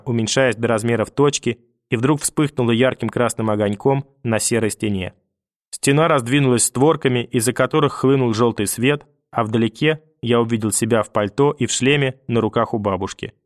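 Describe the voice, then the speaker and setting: A man reading a novel aloud as first-person narrator, steady and even. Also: mid-range voice, fairly quick, no room sound, studio quality. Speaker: audiobook narrator. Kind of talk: scripted narration.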